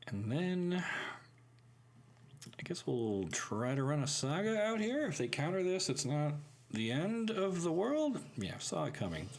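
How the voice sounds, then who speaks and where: A man's voice: high voice, big pitch swings, measured pace. A man hosting a card-game channel, thinking aloud and commenting on his plays in an upbeat way. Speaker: gaming channel host. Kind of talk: casual gameplay commentary.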